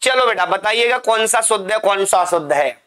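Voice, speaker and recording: A man's voice: high-pitched, animated, fairly quick, sharp tone. A male teacher giving a classroom spelling lesson, drilling and repeating words for his students. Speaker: Hindi teacher.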